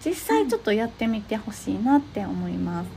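A young woman hosting an advice talk, explaining steps gently with frequent soft agreeing fillers. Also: medium pitch, very animated, brisk, creaky, a little hiss or hum. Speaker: podcast host giving advice to therapists.

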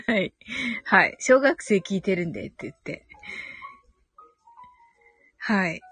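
Hosting a live audio stream, a woman reads and answers comments in a casual, polite chat, often humming in agreement and giggling. Her husky, slightly bright voice sits at medium pitch, and she speaks slowly but with a lot of animation.

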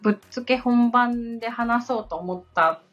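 Speaking at a moderate pace in a fairly high, slightly bright voice, a woman co-hosts a podcast as an assistant, politely answering questions in plain, conversational language. Background music runs under the somewhat dull audio.

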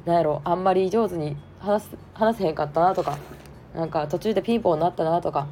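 A woman with a Kansai accent, hoarse and stuffed up, hosting a frank, chatty solo podcast with plenty of fillers. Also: fairly low pitch, quick pace, mellow, slight background noise. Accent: Kansai Japanese. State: hoarse, congested nose. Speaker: podcast host. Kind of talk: casual solo podcast talk.

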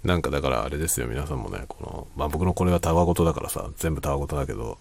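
A man chatting casually in a quiet late-night monologue, musing and circling back over his own phrases. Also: very fast, creaky, slightly rough. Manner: quiet, low-voiced night-time talking. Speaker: host of a solo talk show.

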